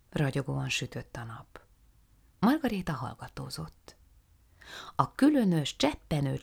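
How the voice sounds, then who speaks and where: A woman reading a children's storybook aloud in a soft, hushed, half-whispered manner. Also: a bass voice, gravelly, breathy edge. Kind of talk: storybook narration.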